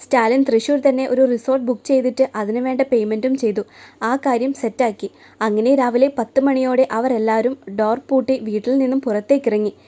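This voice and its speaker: A woman storyteller reading a romance story aloud in a soft, gentle way, lightly voicing each character in the dialogue. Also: fairly high pitch, steady tone, fast talker. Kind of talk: scripted narration of a romance story.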